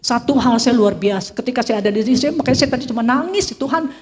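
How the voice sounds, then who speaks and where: A middle-aged woman giving an emotional church testimony, telling her story with lively acted quotes. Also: a little high, fast, slight background noise. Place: church hall. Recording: long reverb of a church hall.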